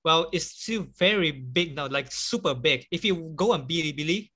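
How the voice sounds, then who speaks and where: A man speaking Chinese as his first language laughs often while chatting casually as an interview guest, padding pauses with "um" and "like." His voice sits on the high side, expressive and bright, with a forceful tone and a breathy edge.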